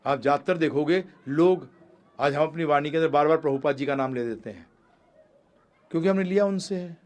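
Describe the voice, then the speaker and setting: A man giving a Gita discourse, rising to loud emphatic peaks and dropping to low, quick asides, asking the audience questions and answering them himself. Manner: addresses listeners as prabhu ji. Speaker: preacher.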